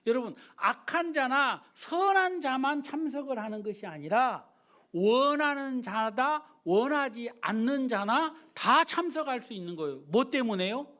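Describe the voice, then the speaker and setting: A man's voice: extremely high pitch, animated, a little slow, sharp tone. A man preaching a sermon as pastor, telling a story animatedly and acting out its dialogue.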